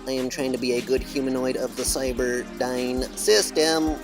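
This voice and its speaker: A podcast host putting on a stiff, mechanical robot humanoid voice. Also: male voice, mid-range voice, steady tone, normal speed, natural voice. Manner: rambling, reflective. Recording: music clearly behind voice.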